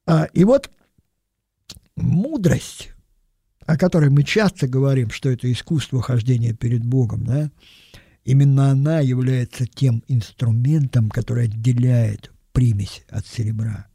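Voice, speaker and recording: A man's voice: medium pitch, a little slow, warm tone, slightly rough, no room sound, clean studio sound. An older man giving a thoughtful, digressive sermon and dwelling on single words. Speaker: preacher. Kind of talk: reflective sermon.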